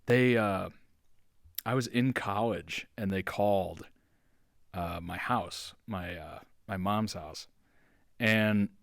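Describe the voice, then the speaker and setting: A man's voice: on the low side, takes it slowly, gravelly, long pauses, a bit bright, dry recording, clean studio sound. A man giving casual, chatty commentary as the host of a reaction video.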